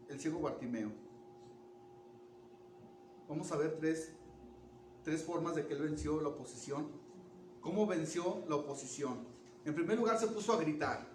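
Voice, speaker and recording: A man preaching a sermon in an animated way, asking the congregation questions and restarting words. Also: on the high side, a little hiss or hum. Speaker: pastor. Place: church. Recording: echoey church room from far off.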